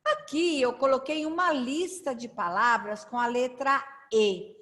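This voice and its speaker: A woman teacher with a Brazilian Portuguese accent, giving a children's reading lesson with drawn-out syllables and frequent check-ins. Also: sits high, a bit bright. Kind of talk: slow children's literacy lesson.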